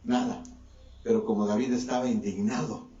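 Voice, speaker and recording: A man, a pastor preaching a sermon, swinging between a raised and a lowered voice. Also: fairly even intonation, moderate pace, dark tone. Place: church hall. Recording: distant echoey church mic, dull sound.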